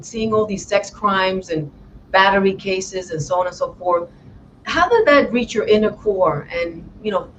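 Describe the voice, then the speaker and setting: A woman's voice: on the low side, muffled recording, background noise. A woman hosting a talk show interview, effusive and full of praise, often addressing her audience as friends. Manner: effusive, repeats "my friends" and "wow".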